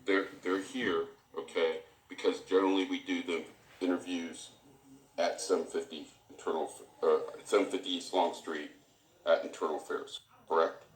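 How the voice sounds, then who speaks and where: A man conducting a formal investigative interview in a halting, procedural, repetitive way, captured on a tape recorder in a room. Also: sits low, little pitch movement, roomy sound, a little hiss or hum, poor audio. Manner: halting, procedural, repeats himself. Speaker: police internal affairs interviewer. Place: indoor room.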